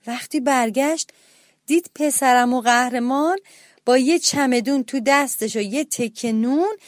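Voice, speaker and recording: A woman reads a children's story aloud with lively expression and asks the young listeners questions. Her voice sits fairly high and the recording is dry and close. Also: no echo. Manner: expressive, animated.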